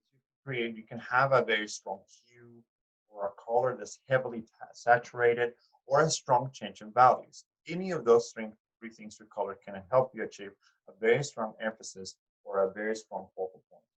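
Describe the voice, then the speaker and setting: On a low-quality recording of a class lecture, a male art instructor speaks at normal speed in a mid-range voice. He talks to his students in a conversational way, with fillers and restarts, and keeps asking them questions.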